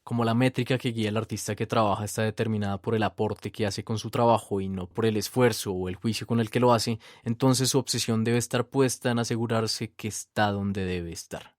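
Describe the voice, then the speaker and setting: A male host reading scripted narration in a measured, reflective way. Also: fairly low pitch, steady tone, no room sound, clean studio sound.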